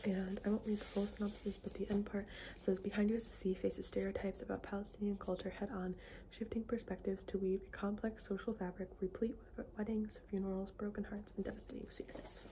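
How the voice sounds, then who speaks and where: A woman speaks in a soft, fully unvoiced ASMR whisper at a medium pitch. Her delivery is informal and halting, like a casual book chat that often trails off. The recording carries clear background noise along with small clicking sounds. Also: flat delivery. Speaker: ASMR book video creator.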